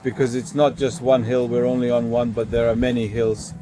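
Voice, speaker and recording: A man's voice: mid-range voice, little pitch movement, a little fast, noisy background. A man chatting casually through a travel vlog, walking city streets and later driving, filmed on a handheld phone. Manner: chatty, narrating while walking and eating. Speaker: travel vlogger.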